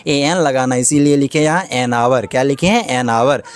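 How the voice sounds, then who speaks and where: A man's voice: mid-range voice, moderate pace, no echo. A male teacher giving a grammar lesson, asking questions and answering them himself again and again.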